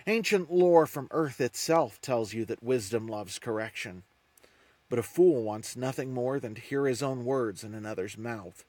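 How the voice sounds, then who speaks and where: A man's voice: mid-range voice, normal speed, darkish tone, no echo, lightly acted. A man voicing a young, defiant prophet who lectures a council in an earnest, reproachful way.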